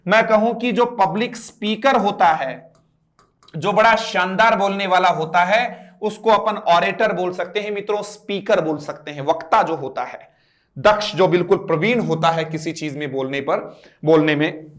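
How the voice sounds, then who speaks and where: A man's voice: sits high, moderate pace, fairly bright tone. A man with an Indian accent teaching an English grammar lesson, explaining step by step, asking his students questions and spelling words out letter by letter.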